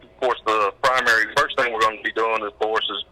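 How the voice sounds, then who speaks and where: A man, an emergency management director, calls in by phone during a live news broadcast and gives a plain-spoken, halting official update. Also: fairly low pitch, steady tone, sharp tone. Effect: heard over a phone line.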